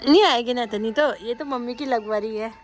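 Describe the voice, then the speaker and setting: A woman in her thirties with a high voice chats with viewers about family life in a rural home, lively and talkative with the kids nearby. A faint hum of outdoor ambience sits behind her. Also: fairly quick. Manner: chatty, addresses viewers as guys, lively with the kids. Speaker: family vlogger. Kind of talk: casual home vlog chat.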